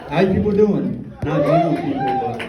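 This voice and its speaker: A young man doing a stand-up comedy set, with a dry, halting delivery and deadpan punchlines. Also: sits high, lo-fi sound, some chatter behind. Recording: roomy sound, mic at a distance, faint ambience.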